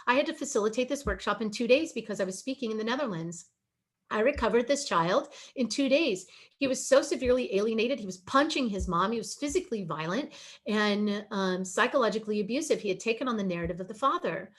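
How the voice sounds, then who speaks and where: A woman's voice: a little high, expressive, fast. A woman giving an earnest, pleading webinar presentation over a video call. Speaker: guest speaker on a webinar. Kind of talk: emotional presentation.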